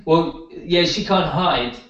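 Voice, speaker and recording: A man's voice: on the high side, slow pace, fairly bright tone. A man who works as a healer, chatting in an interview, telling anecdotes with hesitant restarts, recorded as a distant, echoey, slightly dull sound. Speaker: energy healer guest. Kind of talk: casual interview chat.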